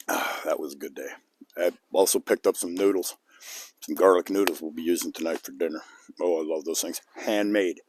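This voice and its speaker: Older guy, low voice, folksy yarn outdoors, chuckles a lot. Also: darkish tone. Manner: folksy, chuckles between lines, drawn-out anecdotes. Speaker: outdoor vlogger. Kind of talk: casual storytelling to camera. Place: outdoors in cold calm weather.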